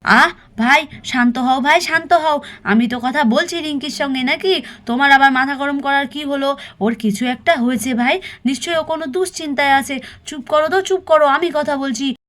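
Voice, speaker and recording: Cartoon: woman doing a gentle eldest sister-in-law with a high voice who calms everyone down. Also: normal speed. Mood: soothing. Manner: soothing, coaxing. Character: calm, peacemaking elder sister-in-law.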